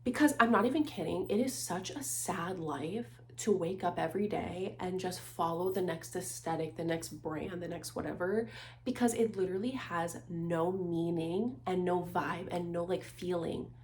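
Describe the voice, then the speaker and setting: A woman in her twenties ranting in a casual monologue, sarcastic and animated, saying "like" constantly. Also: fairly low pitch, normal speed, slight background noise. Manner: animated, sarcastic, heavy use of "like". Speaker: vlogger.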